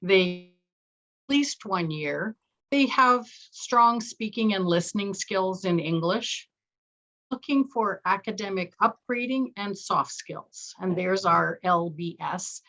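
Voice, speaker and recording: A woman's voice: medium pitch, lively intonation, takes it slowly, pushed and bright, rough recording. A woman presenting on a video call, her audio cutting in and out with uneven volume. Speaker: program coordinator presenting.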